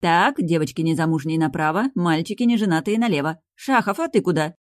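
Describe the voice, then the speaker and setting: A woman's voice: lowish voice, no echo, clean studio sound, lightly acted. A woman voicing a bossy, cheerful female friend who is a surgeon and teases and gives orders in an audiobook. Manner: commanding, teasing, brisk.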